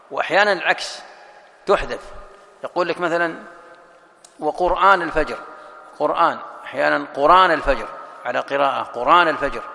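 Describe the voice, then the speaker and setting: Male sheikh, lecture delivery, slightly high gravelly voice, asks and answers his own questions, echoing hall. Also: sharp tone. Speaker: sheikh teaching a religious text. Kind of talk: classroom lecture explaining a text.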